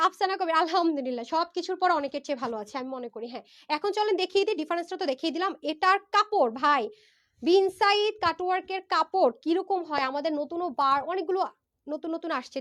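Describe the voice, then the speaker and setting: Brief: hoarse woman seller, high voice, rapid persuasive live pitch on a phone. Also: a bit bright. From Bangladesh. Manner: fast, persuasive, mixes in English words. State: hoarse from a fever. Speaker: online clothing seller. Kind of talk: live-stream sales pitch. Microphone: phone livestream.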